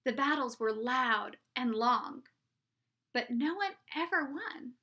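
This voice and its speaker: With a high, bright voice, a female teacher reads a picture book to children and pauses to put questions to them. Her storytelling is unhurried and full of expression.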